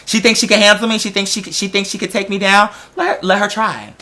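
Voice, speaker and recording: An American man tells a story as a casual, animated rant, sassy and confrontational, full of emphatic slang and swearing. His voice is high and he talks fast.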